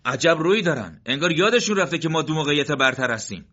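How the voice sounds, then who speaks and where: A man voicing a determined young male soldier who shouts in battle. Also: fairly high pitch, animated, voice pushed up. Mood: fierce. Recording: dull lo-fi recording.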